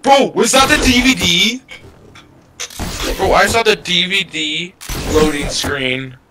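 A man's voice: sits high, animated, slow pace. A man in online game voice chat, taunting and complaining in a sing-song chant. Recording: noisy voice-chat mic.

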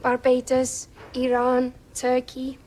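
During a casual late-night talk-show interview, a young musician from Iceland speaks with an Icelandic accent, dreamy and hesitant and full of "kinda." Her voice sits high and is monotone, slow, and a little mellow.

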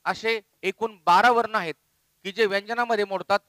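Guy teaching grammar, high bright voice, goes step by step, dry close sound. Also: fairly even intonation, no echo, poor audio. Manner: explains step by step, repeats letters slowly. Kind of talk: classroom grammar lesson.

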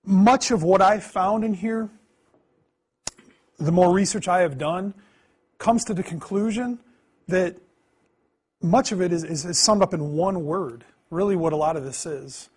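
Man in his 30s, classroom lecturer; high, husky voice, earnest, quizzes the room. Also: measured pace, pauses often. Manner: earnest, asks the class questions, swings between loud emphasis and quiet asides. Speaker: Bible class teacher. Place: classroom, indoors.

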